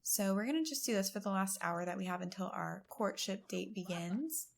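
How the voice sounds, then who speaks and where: A woman's voice: medium pitch, moderate pace, creaky, slight background noise. A woman hosting a let's-play, giving chatty, giggly gameplay commentary and laughing often. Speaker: gaming channel host.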